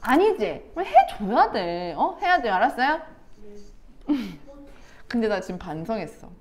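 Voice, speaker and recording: A woman's voice: a little high, very animated, a little slow. A woman teaching a middle school English lesson to students at home, chatty and teasing, often laughing and acting out little family scenes. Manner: laughs often while talking. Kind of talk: recorded online lesson.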